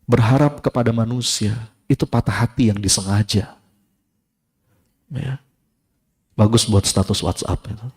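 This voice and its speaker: A man giving a casual sermon to a live audience, lively, acting out voices in his story and repeating key phrases. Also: fairly low pitch, a little slow, long pauses, husky. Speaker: preacher.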